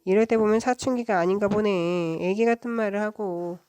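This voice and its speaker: Woman reading as a tired, fussing storybook mother in her own middle-pitched voice. The sound is dry and close, with no room around it. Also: moderate pace, a little mellow, smooth, no echo, close to an everyday voice. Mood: weary.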